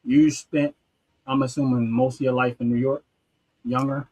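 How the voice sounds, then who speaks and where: A man's voice: mid-range voice, little pitch movement, normal speed, darkish tone, slightly rough. A man from Philadelphia hosting a casual talk show and speaking in an earnest, emphatic, preachy way. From Philadelphia, USA. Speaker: podcast host.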